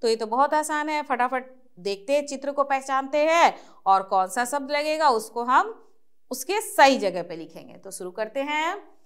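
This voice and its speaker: A woman teaching young children to read, stretching out and repeating each word slowly and then explaining quickly in between. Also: sits high, lively intonation. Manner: drawn-out syllable-by-syllable pronunciation, repeating words. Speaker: primary school teacher. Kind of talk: reading-aloud lesson for young children.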